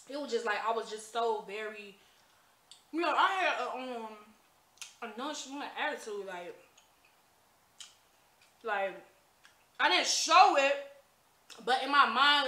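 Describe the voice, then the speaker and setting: High, bright American woman talking while eating. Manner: talking while eating, mouth often full. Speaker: mukbang vlogger. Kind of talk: casual rambling storytelling. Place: indoors, small bare-walled room at a table. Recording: echoey bare room.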